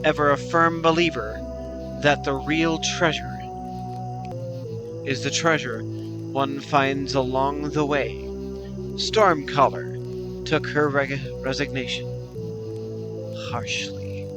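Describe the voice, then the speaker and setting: A man putting on a grand epic-announcer voice to narrate a pirate legend like a storybook, slow and theatrical. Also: mid-range voice, fairly even intonation, close to an everyday voice. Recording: clear music behind the voice.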